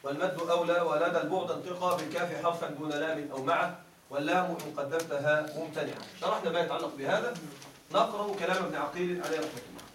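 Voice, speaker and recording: High-voiced male teacher in an echoey room. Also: fairly even intonation, racing, fairly bright tone, far from the mic, a little hiss or hum. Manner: often checks that listeners follow; reads quoted text aloud, then explains it. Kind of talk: grammar lecture, reading and explaining a classical text.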